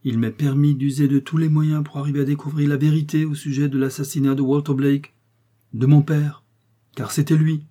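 A resolute young man, read by a male narrator, firm and insistent in his questions. The tone is dark and husky. An audiobook figure. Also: on the high side, flat delivery, fairly quick, voice pushed up, lightly acted. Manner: firm, pressing.

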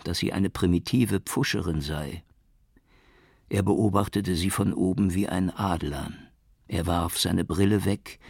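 A man narrates an audiobook in a very deep, husky voice. His reading is steady and measured. The recording is dry, with no room sound. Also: no echo. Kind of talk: scripted narration.

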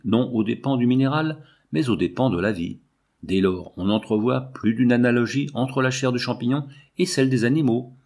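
A man's voice: medium pitch, a little mellow, slightly rough. A man reading the part of an earnest young scientist who lays out his reasoning patiently.

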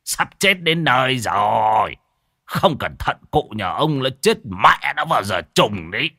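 A man's voice: medium pitch, sing-song, unhurried, pushed and bright, husky, no echo, clean studio sound, pitched above the performer's own voice, exaggerated voice. A man voicing a brusque, greedy old village sorcerer who scolds everyone around him. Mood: scolding.

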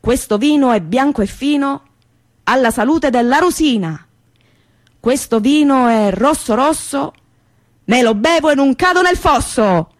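A woman's voice: high-pitched, expressive, measured pace, no room sound, voice pushed up. A woman doing a cheeky barman. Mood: toasting. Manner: teasing, playful rhyming. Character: cheeky young man, barman who rhymes toasts.

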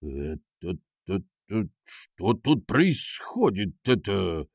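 A man voicing a stern, flustered older male teacher in a children's audiobook, low and gruff. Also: very animated, unhurried, no echo, studio quality, exaggerated voice. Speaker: school nature club teacher.

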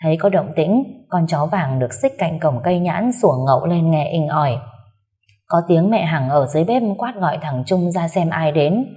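Low mellow woman reading a romance. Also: lively intonation, normal speed. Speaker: story narrator. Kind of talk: audiobook romance narration.

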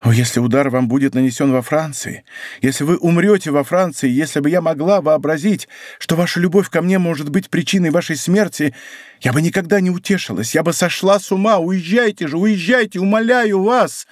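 A man reading the part of a desperate queen, her voice lifted high and trembling with pleas. The tone is anguished and urgent, set in a dry, close studio recording with no room sound. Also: a little fast, dry recording, natural voice. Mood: pleading. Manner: anguished, raised pleading voice. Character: Queen Anne of Austria, torn and pleading. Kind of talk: audiobook character reading.

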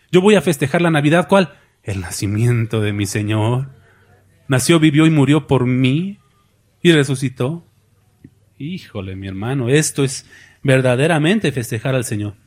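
Lively preacher man. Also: fairly high pitch. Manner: lively preaching with rhetorical questions and acted-out voices. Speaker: pastor. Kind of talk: sermon.

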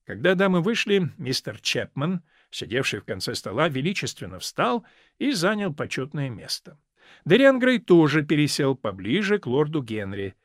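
Male audiobook narrator, expressive and measured; somewhat high, very dry recording. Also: no echo. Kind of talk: audiobook reading of a classic novel.

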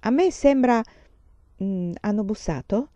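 A woman voicing a calm, firm mother. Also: medium pitch, measured pace, no echo, close to an everyday voice. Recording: dull lo-fi recording.

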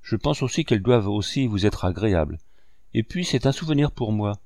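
A man's voice: lowish voice, expressive, brisk, darkish tone, no echo, studio quality. Marianne, a spirited young woman voiced by a man. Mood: reproachful. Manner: indignant, pleading questions. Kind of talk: audiobook reading.

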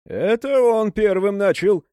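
A man's voice: sits high, unhurried, mellow, dry recording, clean studio sound, pitched above the performer's own voice. A man voicing a menacing shaven-headed male thug boss who talks in a threatening, bossy way.

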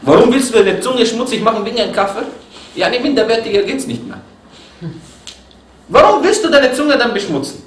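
Here the preacher's voice is very high-pitched, and he talks a bit quickly while pausing often. He's a lively Islamic lecturer who mixes Arabic quotations into his German and questions his listeners, heard from a distance in an echoing room with faint noise.

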